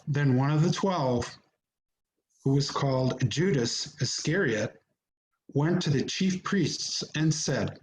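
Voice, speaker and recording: A man's voice: mid-range voice, lively intonation, takes it slowly, a little hiss or hum, poor audio. A man narrating scripture from a script, recorded at home over a video call.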